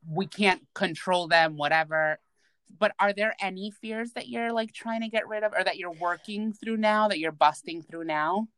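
A woman hosting a casual podcast, talking in an animated, slangy, profane way, recorded remotely from a bathroom. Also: medium pitch, normal speed, clean tone, dry recording. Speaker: podcast host. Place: bathroom, at home.

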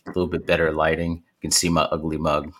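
An American man with a low-pitched voice hosts a podcast. His talk is casual and informal, like chatting with an old buddy. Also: level tone, quick pace, fairly bright tone. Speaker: podcast host. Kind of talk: casual chat.

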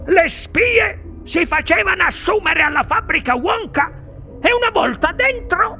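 A wildly excitable old grandfather who squeaks up into a very high, gravelly register. He drags his words out slowly and bursts into exclamations as if sharing a grand secret. Soft music hums beneath the storybook reading. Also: heavily acted. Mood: storytelling eager. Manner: dramatic, exclaiming, drawn-out emphasis. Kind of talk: audiobook character voice.

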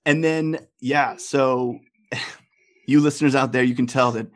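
A man's voice: mid-range voice, steady tone, a little slow. A man hosting a podcast, talking casually and conversationally with his guest. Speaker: podcast host.

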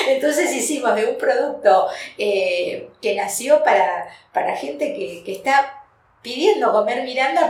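A woman with a Rioplatense Argentine accent, a food business owner telling stories as a podcast guest, animated and quick to laugh. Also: medium pitch, reverberant, recorded from a distance, slight background noise, poor audio. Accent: Rioplatense Argentine Spanish. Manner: animated storyteller, laughs often. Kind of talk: casual podcast interview.

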